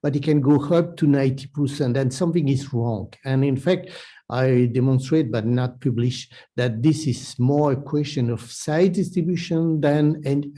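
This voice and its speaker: A man's voice: medium pitch, dark tone. A man with a delivery, introducing an online webinar and speaker as moderator, hesitant with many restarts.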